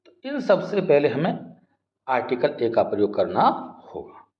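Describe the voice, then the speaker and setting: A man's voice: mid-range voice, wildly swooping pitch, measured pace. A man teaching English grammar in a lesson, explaining step by step, asking questions back and repeating words. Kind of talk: classroom-style grammar lesson. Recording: echoey room, dull lo-fi sound.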